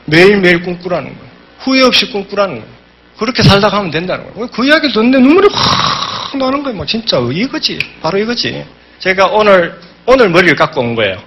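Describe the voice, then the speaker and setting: Man, motivational speaker, high, husky voice. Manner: emphatic, animated storytelling with acted-out quotes. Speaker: business seminar speaker. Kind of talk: motivational seminar speech.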